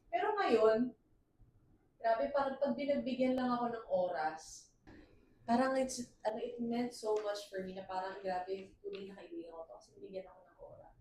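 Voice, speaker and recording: Animated woman in an echoey room. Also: on the high side, moderate pace. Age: 30s. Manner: animated, laughing, switches between Tagalog and English. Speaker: podcast co-host. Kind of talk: casual chat. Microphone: failing microphone, speaking loudly. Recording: echoey room, distant mic, faint hiss.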